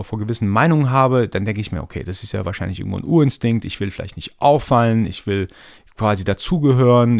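A man's voice: medium pitch, vocal fry, a little mellow, dry recording, studio quality. A man born in Iran, hosting a solo podcast and explaining his ideas step by step in a thoughtful, reflective way. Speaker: podcast host.

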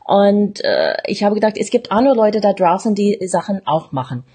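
A middle-aged woman from the USA speaks German with a clear American accent. Her voice is a little husky, and as a native English speaker she phrases her casual interview stories haltingly, with small grammatical slips. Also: mid-range voice, animated, warm tone. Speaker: interview guest, radio show host. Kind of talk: casual personal storytelling in an interview.

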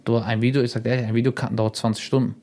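A man's voice: mid-range voice, very fast. A young man, a YouTuber guest on a radio show, telling stories casually and acting out the quoted dialogue. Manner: animated, acts out quoted dialogue. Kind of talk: casual storytelling.

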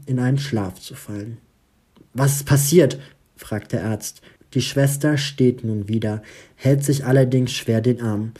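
A man's voice: mid-range voice, dark tone, breathy edge. A man narrating an audiobook in a dramatic storytelling manner. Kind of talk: audiobook reading.

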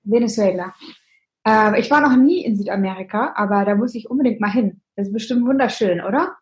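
A woman's voice: medium pitch, brisk, rough recording. A woman hosting a career podcast, introducing her guest and asking friendly questions. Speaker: podcast host. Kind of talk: podcast interview.

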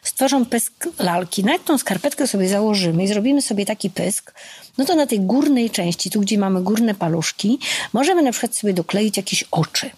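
A woman's voice: medium pitch, expressive, brisk, darkish tone, breathy edge. A woman explaining step by step how to make a sock puppet, in casual studio talk. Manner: practical, demonstrating step by step. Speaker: puppet theatre guest.

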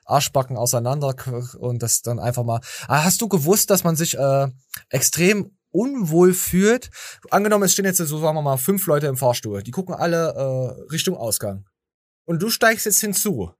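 A man's voice: fairly high pitch, animated, brisk, no echo. A tired man hosting a podcast, rambling and joking with stammering restarts. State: tired from little sleep. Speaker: podcast host. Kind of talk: casual chat.

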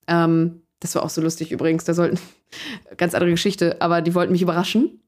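Young woman, interview guest: casual, animated, laughing storyteller. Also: fairly low pitch, fast. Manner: chatty and lively, many fillers, laughs while telling. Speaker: guest, singer.

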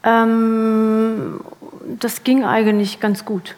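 A woman's voice: a little high, flat delivery, extremely slow, a little mellow. A woman actress giving an interview, chatting casually with laughter and self-mocking humor. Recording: long hall reverb.

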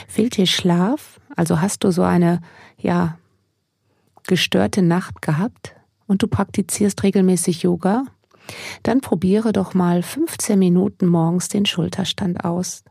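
Female sleep meditation narrator for a mindfulness podcast: mellow, dark timbre, slightly husky, gentle and unhurried, close dry sound. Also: fairly low pitch, fairly even intonation, dry recording. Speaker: podcast host, mindfulness coach.

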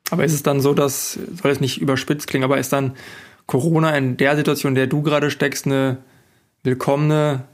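A man interviewing a guest in casual conversation, asking measured, probing questions with small hesitations. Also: medium pitch, flat delivery.

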